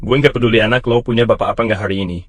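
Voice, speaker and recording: A man's voice: on the low side, steady tone, racing, dry recording, lightly acted. A man playing a sneering crude foreman. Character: arrogant lecherous male foreman bully turned groveling. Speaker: site foreman. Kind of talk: short drama acting.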